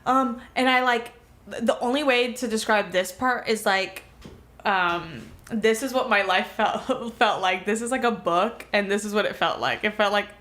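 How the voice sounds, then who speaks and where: A woman's voice: mid-range voice, normal speed, fairly bright tone. A young woman from Miami, a podcast co-host, telling a story in casual talk full of "like" and swearing. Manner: rambling, many "like" fillers, swearing.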